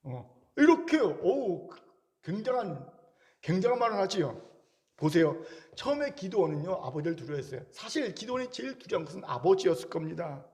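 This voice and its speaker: A male pastor preaching in a church with a notably high voice. He talks to his congregation in a chatty way, firing rhetorical questions and slipping in jokes. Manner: conversational, rhetorical questions, joking asides. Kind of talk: sermon. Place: church sanctuary.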